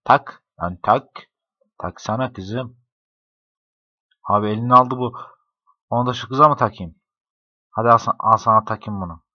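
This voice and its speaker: Young man, low-pitched and bright, joking gameplay commentary, dull dry home mic. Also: normal speed, long pauses, dry recording. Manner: joking, talks to the game characters, laughs often. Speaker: gaming YouTuber.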